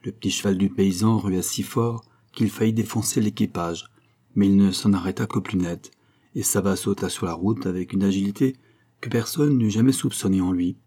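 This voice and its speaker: A man reading a novel aloud in steady, measured scripted narration. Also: lowish voice. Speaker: audiobook reader.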